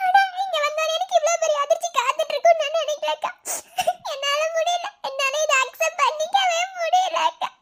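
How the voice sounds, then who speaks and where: A woman's voice: extremely high pitch, fairly quick, fairly bright tone. A woman voicing Ananya, a heartbroken young woman in a cartoon love story who speaks while crying and laughing through tears. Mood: tearful confiding.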